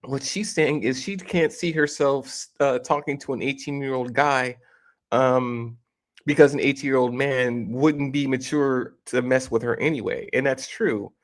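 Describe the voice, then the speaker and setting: A man's voice: mid-range voice, a little slow. A man in his forties giving casual, opinionated reaction commentary on a video, rambling and joking as he goes. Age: 40s.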